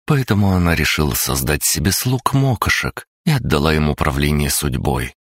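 A man's voice: very deep voice, no room sound, studio quality. A man voicing a proud, knowing ancient goddess who explains things in a storytelling tone.

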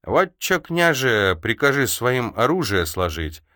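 Man doing a gruff mocking Cossack ataman. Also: mid-range voice, big pitch swings, unhurried, sharp tone, dry recording, studio quality, voice pushed up. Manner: boisterous, folksy and mocking.

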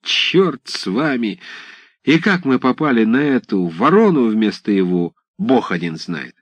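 A man reading an audiobook, voicing frightened village watchmen who plead and shout in a rush. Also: medium pitch, very animated, a little slow, dry recording. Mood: panicked pleading.

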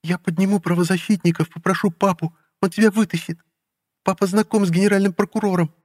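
A man's voice: sits high, fairly even intonation, fast talker, no room sound, clean studio sound, pitched above the performer's own voice. A man reading a novel aloud, voicing a bitter, tearful ex-wife whose voice trembles with scorn. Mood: scornful. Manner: scornful, sharp, trembling with anger. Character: bitter tearful ex-wife, woman in her thirties.

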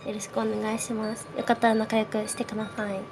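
Young woman, streamer host, casual nervous chat with a shaky voice, slightly high pitch, faint music bed. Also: completely flat delivery, fast. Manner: nervous, shaky voice, frequent nervous laughs. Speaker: streamer hosting a live audio space. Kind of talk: casual chat greeting listeners.

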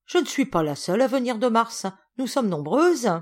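A woman's voice: a little high, sing-song, normal speed, pitched above the performer's own voice. Woman voicing a dreamy, touchy alien woman.

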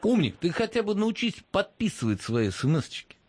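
A man with a high, raspy voice makes a confrontational phone call. He questions and accuses sternly, his pitch moving widely. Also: sing-song, normal speed, darkish tone, no room sound.

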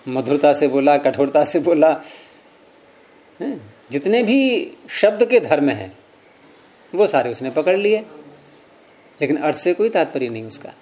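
A man's voice: fairly high pitch, very animated, measured pace, long pauses, darkish tone. A man teaching Sanskrit philosophy in to a class, reciting sutras and questioning his students as he goes. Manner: questions the class often, repeats key words, Sanskrit recitation. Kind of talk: classroom lecture explaining sutras.

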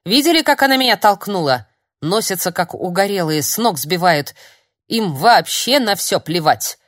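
A woman delivers a very animated performance at normal speed as a jittery old man, shrill and menacing, whose agitated grumbling turns into spluttering shrieked threats. The recording is dry with clean studio sound.

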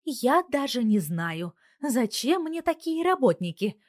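A woman voicing a sharp-tongued young wife, a computer genius who scolds and gives orders. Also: on the high side, animated, fairly quick, dry recording, studio quality, voice pushed up. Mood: scolding. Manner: commanding, scolding.

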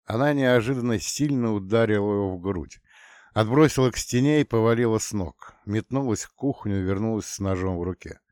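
A man narrating an audiobook in a steady, measured way. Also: fairly low pitch, no echo, studio quality.

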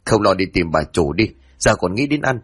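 A man voicing a scolding but soft-hearted older household woman in a spoken ghost story, grumbling her lines. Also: deep voice, animated, moderate pace, slightly rough, exaggerated voice.

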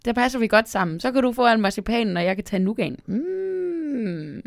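Woman reading a kids christmas story, bouncy pitch, a bit gravelly, goes hushed a lot, dry close mic. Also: dry recording. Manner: lively, often dropping to a hushed whisper. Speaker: podcast host and storyteller.

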